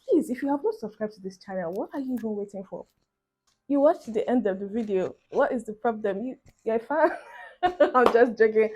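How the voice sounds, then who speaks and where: Mellow and mid-range with a breathy edge, this is the voice of a Nigerian beauty vlogger in her twenties. Filming on her phone, she talks casually to camera while applying makeup and offering her audience encouragement.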